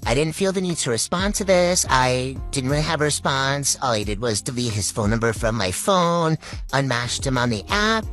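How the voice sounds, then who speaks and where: Brief: 30s woman, voice pitch-shifted very deep, halting storyteller with lively intonation and faint music behind. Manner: halting, with frequent "um" pauses. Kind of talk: casual storytelling to viewers.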